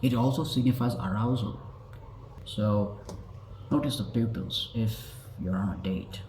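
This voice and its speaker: A man's voice: fairly low pitch, a little slow, heavy background noise. A man gives a casual talk about body language, rambling a little and acting out examples as he goes. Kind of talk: explanatory talk to camera. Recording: echoey room with faint ambience.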